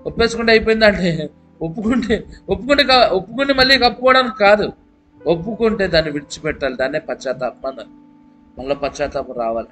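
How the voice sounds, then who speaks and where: A man preaching a sermon as a pastor. He keeps asking the listener rhetorical questions and swings between loud, emphatic peaks and low, hushed pleading. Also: fast, faint music behind. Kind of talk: Telugu sermon.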